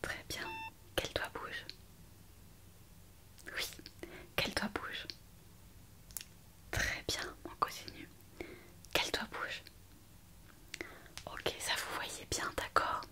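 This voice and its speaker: A woman whispers in a soft, breathy voice, extremely slowly and with frequent pauses, as a kind, eager, chatty young hospital intern working her first night shift in an ASMR roleplay. Her manner is attentive, hesitant and gently reassuring, and the mood is attentive and soothing.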